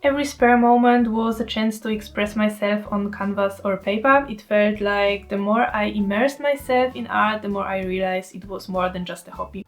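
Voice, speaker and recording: A Polish woman in her twenties, an artist vlogger with a Polish accent, narrates her story in a candid, self-deprecating scripted voice-over. Her medium-pitched voice moves at normal speed with few pauses, over faint background music.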